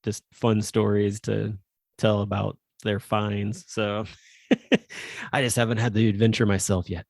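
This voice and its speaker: Man, podcast co-host, low gravelly voice, loose rambling delivery full of "uh" and "like". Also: level tone, measured pace, a little mellow, dry recording, studio quality. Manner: rambling storyteller, many fillers and restarts. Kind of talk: casual chat.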